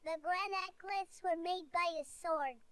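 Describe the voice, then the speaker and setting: A man speaking through a voice changer that morphs his voice into a high child-like one, slowly repeating game lines as a small kid. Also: a bit bright, dry recording. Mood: deadpan. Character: small five-year-old cartoon kid, flat and innocent. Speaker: streamer.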